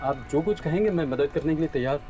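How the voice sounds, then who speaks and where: An actor playing a respectful, cooperative auto-rickshaw driver answering questions in a TV crime drama. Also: male voice, fairly high pitch, quick pace, natural voice. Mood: earnest. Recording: music behind the voice.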